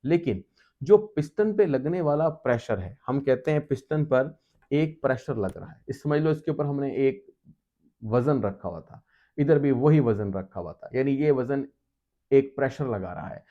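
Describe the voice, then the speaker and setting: Mellow-voiced male chemistry teacher. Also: mid-range voice, expressive, muffled recording. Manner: mixes Hindi-Urdu with read-out English definitions, slowing down sharply for them; addresses students directly, patient and repetitive. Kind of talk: recorded classroom lecture, explaining step by step.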